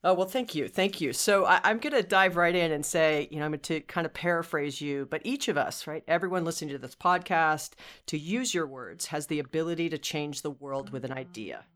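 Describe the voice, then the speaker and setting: A woman's voice: low-pitched, brisk, hardly any pauses, a bit bright. Upbeat woman in her fifties hosting. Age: 50s. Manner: upbeat, leans on "you know" and restarts. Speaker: podcast host. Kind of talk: conversational podcast interview.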